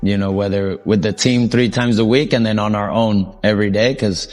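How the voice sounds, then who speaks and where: Low-voiced Colombian-born man telling his story. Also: normal speed, faint music behind. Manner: relaxed, rambling with frequent ums. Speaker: soccer coach, interview guest. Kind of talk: casual interview storytelling.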